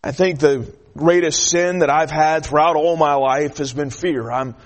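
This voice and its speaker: A man's voice: a little high, steady tone, unhurried. A man preaching a sermon as a traveling preacher, earnest, restarting often and building to emphatic declarations. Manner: shy by nature.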